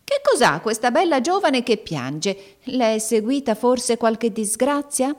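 A woman voicing a sly old woman in a storybook reading, with a shrill, caressing, oily manner. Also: very animated, measured pace. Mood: wheedling. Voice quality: shrill yet caressing, unctuous.

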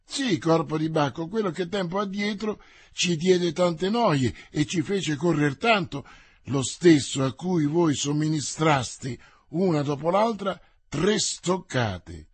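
A man reading the part of a boastful, slow-witted, hearty male musketeer in an audiobook, with bluff exclamations. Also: fairly high pitch, animated, husky, dry recording, full character voice.

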